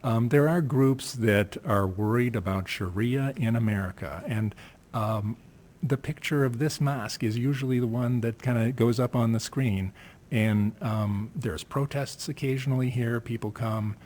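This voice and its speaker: A man's voice: medium pitch, a little slow, darkish tone. A man hosting a live radio interview, asking questions in a conversational way with frequent restarts, at a table mic. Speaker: radio host. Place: mosque event room, live broadcast table. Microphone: table mic with headphones.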